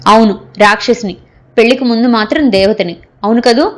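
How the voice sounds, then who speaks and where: A woman's voice: a little high, fairly quick, lightly acted. A woman voicing a proud young wife who answers her husband with cutting, defiant retorts.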